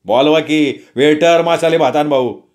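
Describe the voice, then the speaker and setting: A man's voice: a little high, measured pace, a little mellow, natural voice. Brief: male reader as greedy young eater, blunt and insistent. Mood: demanding. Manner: blunt, demanding.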